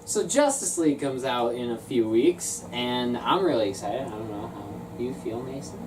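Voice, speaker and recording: A woman's voice: extremely low pitch, expressive, moderate pace. A woman reviewing a film in casual comedic chat, sarcastic in tone. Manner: sarcastic, bursts into shrieking laughter. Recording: distant mic with noisy background.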